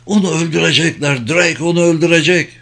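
A man's voice: on the high side, brisk, vocal fry, a bit bright, voice pushed up. A man voicing a frantic, cornered young man. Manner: pleading, strained, raised voice.

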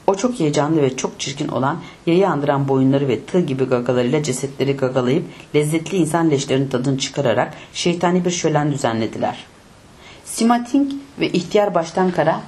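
A woman reading a novel aloud in a steady, measured audiobook narration. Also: low-pitched.

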